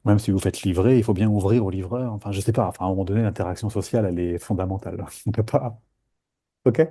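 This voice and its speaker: A man guides a group through a meditation talk on a video call. His voice sits low, dark and a bit husky. He jokes and acts out little inner voices. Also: steady tone, fast talker. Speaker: meditation teacher.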